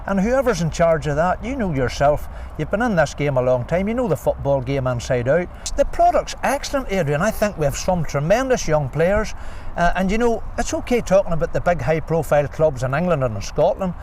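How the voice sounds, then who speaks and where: Higher-pitched, emphatic Northern Irish man. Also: lively intonation, a little fast, darkish tone. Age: older. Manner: emphatic, persuasive, repetitive. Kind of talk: unscripted sports interview. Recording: faint outdoor traffic noise.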